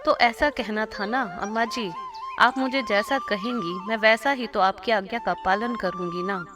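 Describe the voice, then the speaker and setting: An innocent, literal-minded young daughter-in-law, as a woman narrator puts her on for a cartoon storybook. She asks earnest, simple questions, and loud music plays under the voice. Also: mid-range voice, unhurried, natural voice.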